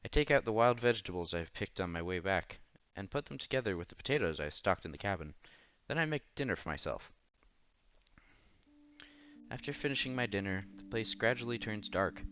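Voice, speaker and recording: With game music in the background, a streamer narrates a visual novel and keeps breaking off for conversational asides. His smooth, slightly bright voice is on the low side, with lively intonation and a slightly fast pace. The recording sounds muffled.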